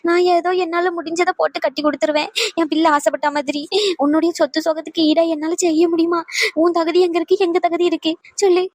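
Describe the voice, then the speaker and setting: A woman's voice: very high-pitched, flat delivery, fast, a little mellow, no room sound. Woman voicing a tearful worried mother. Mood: sorrowful. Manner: sorrowful, plaintive.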